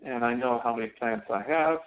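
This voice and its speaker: Over a thin, phone-like connection, a male instructor with a mid-range voice walks through an on-screen software demonstration during an online screen-share session. He goes step by step in a halting manner, much like a live online lecture.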